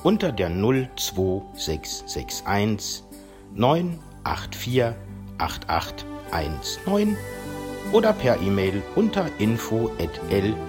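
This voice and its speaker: Low-voiced male podcast host over music. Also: huge pitch swings, slow pace. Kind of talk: hosting and announcing.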